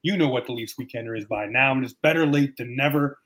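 A man's voice: medium pitch, fast, fairly bright tone. Male podcast host, upbeat, hypes up the segments, casual. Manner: upbeat, hyped presenter tone.

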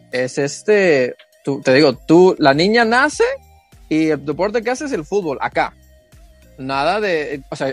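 A male podcast co-host with a Latin American accent, chatting casually and emphatically. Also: on the high side. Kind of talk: casual chat.

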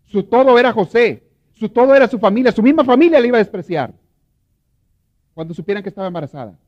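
A male priest delivers a sermon in a fairly high voice, moving between quiet, intimate murmurs and loud, pleading outbursts. The sound is dull and lo-fi, with a long reverb trailing off the walls of a large church. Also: animated, fast talker. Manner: swings from hushed murmurs to loud impassioned pleading.

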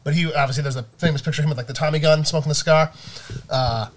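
Animated, rambling man with a higher voice. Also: very fast. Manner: rambling, animated storytelling with many fillers. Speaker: podcast co-host. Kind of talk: casual chat.

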